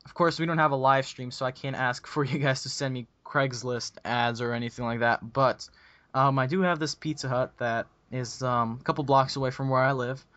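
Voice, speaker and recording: A young man chatting loosely on a podcast, full of ums and false starts. His voice is mid-pitched and comes through a dull, muffled headset mic. The sound is dry and close. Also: fairly even intonation, normal speed, a bit bright, no echo. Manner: rambling, many ums and restarts. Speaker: podcast host. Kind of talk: casual podcast chat.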